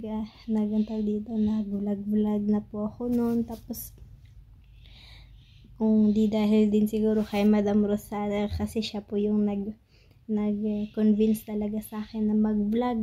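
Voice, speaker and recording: A young Filipina woman telling a family story in a casual vlog, halting and searching for words, fighting tears at times. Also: medium pitch, mellow, highs cut off. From Philippines. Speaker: family vlogger. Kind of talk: emotional story-time monologue. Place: home in Pakistan.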